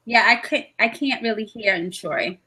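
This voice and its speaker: A woman with a high, bright voice co-hosts a casual live video chat over a call. She talks in quick bursts with plenty of restarts and keeps things moving around connection trouble. She is from New York. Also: husky. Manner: chatty, restarts often, coping with connection trouble.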